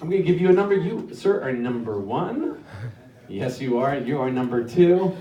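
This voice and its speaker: A man hosting a live stage hypnosis show, giving commanding, repetitive instructions with drawn-out phrases. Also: medium pitch, animated, distant mic, muffled recording. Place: live show venue with audience. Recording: echoey live stage, crowd noise.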